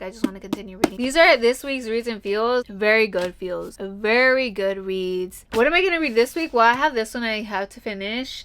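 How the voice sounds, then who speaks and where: A young woman chatting casually to camera about books she has read, excitable and slangy, saying "dude" often. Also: mid-range voice, slight background noise. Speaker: book vlogger.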